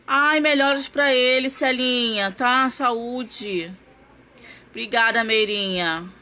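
A woman's voice: fairly high pitch, slow, bright, forceful tone. A woman hosting a casual craft live stream, chatting with viewers and greeting them by name.

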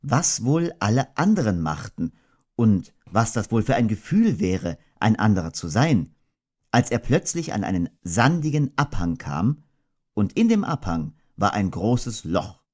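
A man reading a children's book aloud, gentle and measured. He takes his time and lets his mid-range voice rise and fall in a lively, expressive line. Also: on the low side. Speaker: audiobook narrator. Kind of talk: scripted children's book narration.

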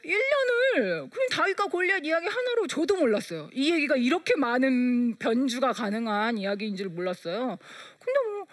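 Animated woman telling parenting stories. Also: high-pitched, brisk, few pauses, no echo, studio quality. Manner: lively, acts out dialogue in quoted voices. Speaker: lecturer on parenting. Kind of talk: storytelling lecture.

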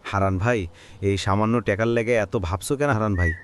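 With a rural Bangladeshi accent, a man voices a gentle, pious village friend in a cartoon, earnest and comforting as he softly urges the listener on. His lowish voice is steady, fast and natural, and faint background noise with birdsong can be heard.

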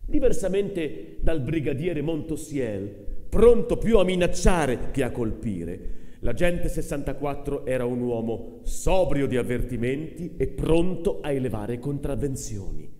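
A male actor giving an expressive, measured dramatic reading of a literary story at a live event in a concert hall. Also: medium pitch. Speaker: actor narrating a story on stage. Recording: long hall reverb with cello music.

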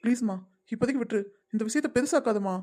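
A woman plays an earnest young son in a cartoon series who begs his mother to drop a matter. He talks in a high, quick voice that keeps pressing his case. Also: a little mellow, lightly acted. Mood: pleading. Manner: earnest, pleading. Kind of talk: animated web series voice acting.

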